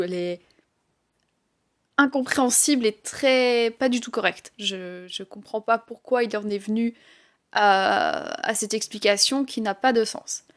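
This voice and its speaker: A woman with a French accent giving a relaxed, conversational language lesson, explaining things with light laughs and fillers. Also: on the high side. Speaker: French teacher.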